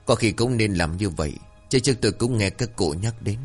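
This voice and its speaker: Anxious middle-aged village mother in a storybook tale, pleading and fretful, low-set voice as a male narrator reads her, faint music behind. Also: expressive, brisk. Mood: determined. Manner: pleading, worried questioning.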